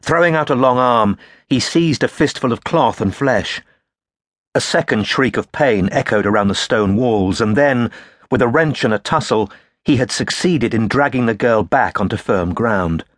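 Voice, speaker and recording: A man narrating a crime novel audiobook in a measured, steady storytelling manner. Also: medium pitch, dry recording, studio quality. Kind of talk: scripted narration.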